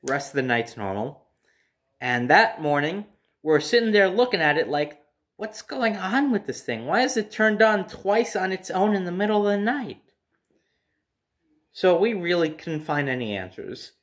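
This young adult vlogger shares a personal story in a relaxed way, addressing the camera from a spot by the window in his home's living room. He sounds high and very animated, with a fairly bright tone, talking at a normal speed.

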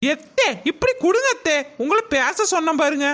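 Woman playing a young daughter-in-law, fussing, fretful, cartoon, very high and bright. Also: big pitch swings, normal speed, exaggerated voice. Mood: soothing. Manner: soothing, then fretful. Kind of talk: cartoon voice acting.

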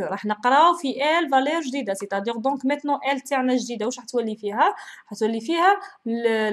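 Brisk Algerian woman lecturing on code. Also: high-pitched. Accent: Algerian Arabic. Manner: mixes French terms into dialect, asks and answers her own questions. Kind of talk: programming lecture.

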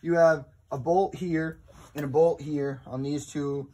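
A man's voice: on the high side, fairly even intonation, a little slow, mellow, husky. A young man narrating a casual, rambling how-to while working on a machine in an indoor garage, recorded on a handheld phone. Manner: rambling, offhand, with many fillers. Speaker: snowmobile DIY vlogger.

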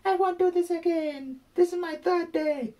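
A man putting on the voice of a tearful young woman scammer who pleads in a high wail. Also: fairly even intonation, normal speed, a little mellow. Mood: pleading.

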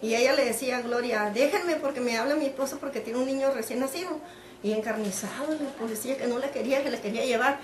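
A woman's voice: a little high, quick pace, crowd noise. A middle-aged woman from Mexico, telling an interviewer what happened to her daughter and acting out the dialogue as she goes. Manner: animated storytelling, acting out quoted dialogue. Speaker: interviewee, mother of the detained woman. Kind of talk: emotional personal account. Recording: echoey room.

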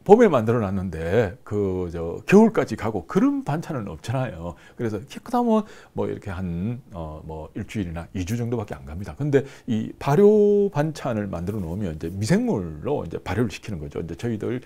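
A man's voice: fairly low pitch, huge pitch swings, a little fast, gravelly, hardly any pauses, mellow. A man in his fifties giving a lecture to camera in a small studio on a lapel mic, explaining with many fillers and hand gestures. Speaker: business course instructor. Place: small indoor studio with screen backdrop.

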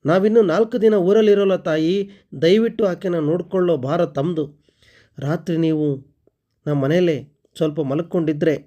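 A man's voice: a little high, fairly even intonation, normal speed, pauses often, mellow, lightly acted. A man voicing a polite, worried young husband in a spoken story, with an earnest, pleading manner.

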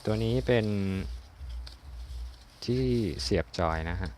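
A man's voice: on the low side, slow pace, darkish tone, a little hiss or hum. A young man casually talking through an unboxing, chatty and thinking aloud, often repeating words as he goes. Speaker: unboxing vlogger.

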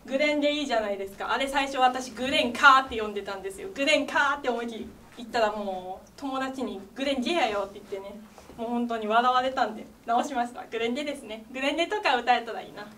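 A young woman, an idol singer, chatting to the crowd between songs at a small live studio, bubbly and quick to laugh. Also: fairly high pitch, sharp tone, a little hiss or hum. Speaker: idol singer doing stage talk. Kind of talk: live stage MC chat. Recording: distant live-room sound with faint ambience.

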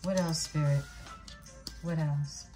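A woman does a tarot reading in a slow, unhurried way. Her voice sits a little low. Soft music plays faintly behind her. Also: fairly even intonation. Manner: slow, unhurried, talks to viewers as beautiful ones. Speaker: tarot reader.

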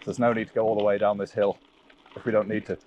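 Speaking fast in a level, slightly mellow, lowish voice, a man demonstrates a product live on an action camera while out on a woodland bike trail. The audio is dull, with outdoor noise and clicks.

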